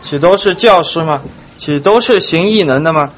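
A man reading Bible verses aloud during a group study, in a steady, even manner. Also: fairly high pitch, normal speed. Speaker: scripture reader in a Bible study. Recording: dull lo-fi recording, faint hiss.

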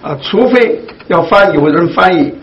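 A man leading a Bible study for his congregation, speaking slowly and deliberately with many hesitant fillers. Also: high-pitched, animated. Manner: slow, deliberate, with frequent fillers. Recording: dull lo-fi recording, faint hiss.

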